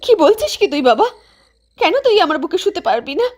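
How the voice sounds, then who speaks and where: A woman's voice: extremely high pitch, very animated, fairly quick. Woman acting a doting, plaintive mother. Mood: tender, worried. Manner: coaxing, plaintive. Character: doting, distraught mother of a grown son. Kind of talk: cartoon ghost story acting. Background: background music.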